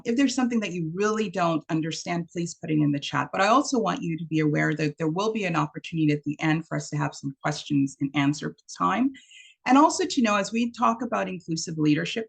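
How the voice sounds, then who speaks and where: A Trinidadian woman in her fifties gives an online workshop talk over a video call, telling stories warmly and acting out the quoted lines. Her voice is fairly low, gravelly and slightly rough.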